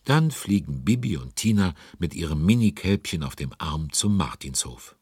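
Kids audio drama narrator, really low raspy voice, chatty genial storyteller. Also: male voice, big pitch swings, normal speed, darkish tone, dry recording, heavily acted. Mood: storytelling. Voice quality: deep, husky. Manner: conversational, wondering aloud. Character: genial male storyteller commenting on events. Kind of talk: scripted narration, German children's audio drama.

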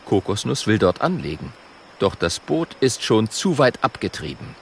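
A man narrating a children's audiobook in an expressive way. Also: lowish voice, normal speed, creaky, slight background noise.

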